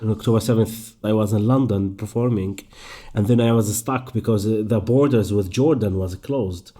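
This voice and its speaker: A young Palestinian man with an Arabic accent, an actor speaking thoughtfully in an interview, with some halting restarts. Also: fairly low pitch, warm tone. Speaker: actor and performer. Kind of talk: interview conversation.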